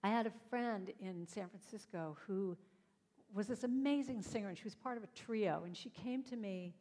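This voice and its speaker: A woman telling stories to a congregation as a singer and speaker, lively and acting out the voices of the people she quotes. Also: medium pitch, moderate pace. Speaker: singer and speaker at a church service. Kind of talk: storytelling talk to a congregation. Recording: long hall reverb.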